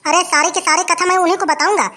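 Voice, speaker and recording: Performer playing angry old village farmer, squeaky high, bright. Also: steady tone, quick pace. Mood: angry complaining. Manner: shouting, threatening.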